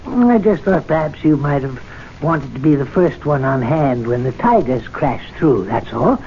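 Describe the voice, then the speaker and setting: An actor playing Timothy, a meek club attendant who schemes aloud and is easily excited, in a 1970s radio drama. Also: male voice, mid-range voice, moderate pace, lightly acted. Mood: insolent. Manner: excitable, muttering, plotting aloud. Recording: dull old radio broadcast, faint hiss.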